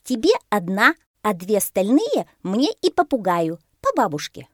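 A woman voicing an excitable little monkey who asks eager questions. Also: mid-range voice, moderate pace, no room sound, studio quality, voice pushed up.

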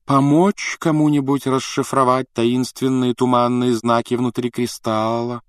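A man voicing a dreamy, sing-song female divination teacher in a slow, drawn-out croon. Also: medium pitch, no echo, pitched above the performer's own voice, lightly acted.

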